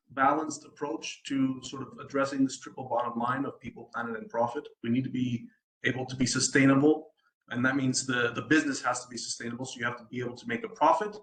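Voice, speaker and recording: The poor audio has an echoey room sound, carrying a man's medium-pitched, fairly bright voice. He's an American sustainability design consultant presenting at an online event, hesitant with lots of ums and restarts and a tendency to ask "right?".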